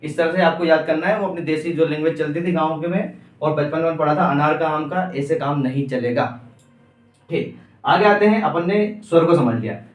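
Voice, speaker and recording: A man with a slightly high voice teaches an exam-prep grammar lesson, putting questions to the class and then answering them himself. He stands away from the mic, so his voice sounds thin and distant. The room echoes a great deal. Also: fairly quick. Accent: Indian Hindi.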